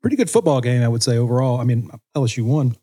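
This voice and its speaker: A man's voice: mid-range voice, sing-song, racing, mellow, slightly rough. A man co-hosting a casual podcast, rambling loosely with hesitations. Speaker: podcast co-host, musician.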